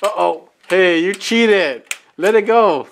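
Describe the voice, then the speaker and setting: The mid-range voice belongs to a thirties mom hosting a family toy channel, filming from behind the camera in her dining room. She upbeatly teases and cheers the kids through a game with quick laughs, while background music plays and the camera mic catches a noisy backdrop.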